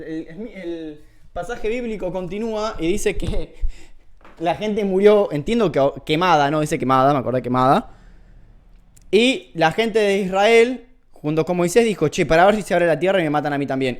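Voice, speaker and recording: A man with a Rioplatense Spanish accent, explaining philosophy in a loose, chatty lecture full of fillers and self-corrections. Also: fairly high pitch. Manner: paraphrases texts in colloquial dialogue. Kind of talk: casual lecture video.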